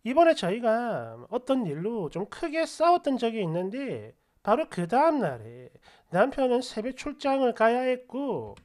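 A woman's voice: fairly high pitch, darkish tone. A woman narrating a first-person story in a confiding, frustrated tone.

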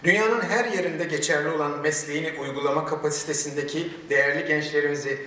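A man speaking at a podium microphone in a large hall, giving a formal prepared speech with emphatic, measured delivery and rhetorical questions. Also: fairly high pitch, fairly even intonation, sharp tone. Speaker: medical chamber president giving a ceremony speech. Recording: very echoey hall, voice distant from the mic.

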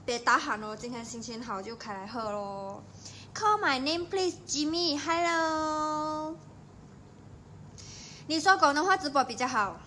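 A young woman with a Malaysian Mandarin accent hosts a casual livestream. Her voice sits high and sounds bright and forceful as she chats and teases her viewers. A faint hiss runs underneath. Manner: chatty and playful, teasing viewers. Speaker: livestream host. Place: at home.

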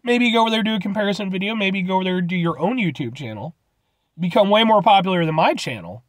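Talking fast in a high voice, a slightly congested man in his thirties films a food review vlog in his parked car with his phone at arm's length. He rambles, stays animated and gestures constantly, and there's no room sound.

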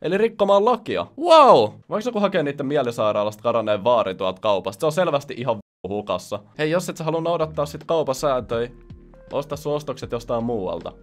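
A man's voice: mid-range voice, lively intonation, faint music behind. A young man hosting a reaction video, talking casually with profane, mocking sarcasm.

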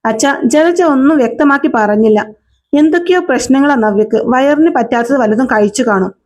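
A woman's voice: high voice, moderate pace, darkish tone, natural voice. A woman voicing a concerned old grandfather.

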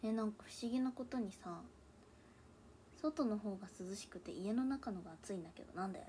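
A woman's voice: mid-range voice, a little fast, dark tone, slight background noise. A young woman with a Hakata dialect mixed with Kansai, chatting casually on a livestream from a room at home and often dropping into murmured asides to herself. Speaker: idol livestreamer. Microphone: tablet or phone device.

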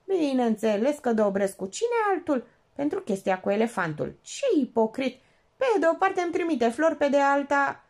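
A woman reading an audiobook, voicing an excitable, sarcastic woman sleuth who talks in quick, mocking exclamations. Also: sits high, pitched above the performer's own voice. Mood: exasperated.

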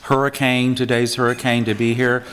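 A middle-aged man from Florida, a pastor, welcoming a luncheon crowd and saying a prayer, with earnest, halting speech. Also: mid-range voice, flat delivery, a bit bright, smooth. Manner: earnest, with frequent ums and restarts. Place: church hall stage before a red curtain. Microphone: stand microphone at a lectern. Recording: long hall reverb.

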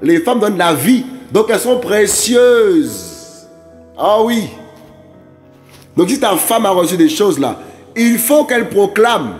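Emphatic high-voiced male evangelist preaching. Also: darkish tone. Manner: emphatic, repetitive exhortations with frequent asides to listeners. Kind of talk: preaching sermon.

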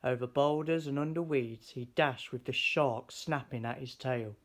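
A man with a medium-pitched voice reads a children's picture book aloud at normal speed, telling the story expressively.

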